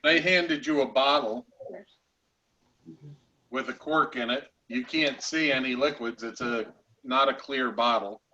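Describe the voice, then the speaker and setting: Slow, halting man running a tabletop game. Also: mid-range voice, sharp tone, muffled recording. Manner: halting, with long pauses mid-sentence. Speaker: game master of a tabletop roleplaying game. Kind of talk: improvised tabletop game narration.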